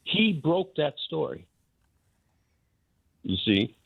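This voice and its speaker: A man's voice: a little high, big pitch swings, very slow, gravelly, breathy edge, no echo. An older man, calling in to a radio talk show and speaking bluntly and emphatically. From New York. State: caller on a phone line to a radio show. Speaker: radio show caller, former talk radio host. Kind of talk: opinionated call-in talk. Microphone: telephone. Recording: tinny dry phone line.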